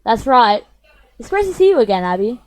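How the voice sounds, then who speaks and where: A woman's voice: on the high side, sing-song, brisk, darkish tone. A woman voicing a poised, confident teenage club president with a sweet, composed manner.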